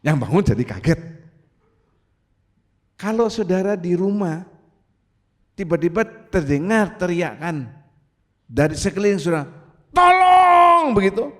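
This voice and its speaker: Animated male pastor shouting out cries. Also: high-pitched, a little slow, pauses often. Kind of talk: sermon. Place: church sanctuary.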